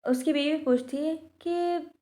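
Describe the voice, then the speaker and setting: A woman teacher explaining a textbook chapter to students. She reads English lines slowly, then explains them in Hindi, checking in with the class often. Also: sits high, mellow. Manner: addresses students directly with repeated check-ins.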